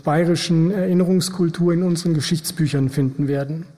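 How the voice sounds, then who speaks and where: A man delivers a measured, formal speech as a community chairman. His voice is warm and somewhat high for a man, trailing a long reverb from a large hall. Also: fairly even intonation.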